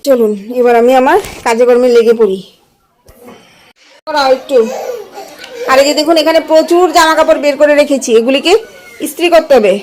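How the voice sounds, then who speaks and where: A woman's voice: sits high, a little fast, pauses often, a little mellow, slight background noise. A young woman chatting to viewers in a casual home vlog, now and then cooing to her baby as she goes about her chores. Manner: chatty, addresses viewers directly, coos baby talk at her infant. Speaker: vlogger and young mother. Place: at home, bedroom and kitchen.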